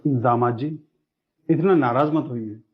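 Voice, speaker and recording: An actor playing a gentle, humble father-in-law who pleads softly and politely, recorded with dull lo-fi sound. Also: medium pitch, measured pace, close to an everyday voice. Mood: pleading.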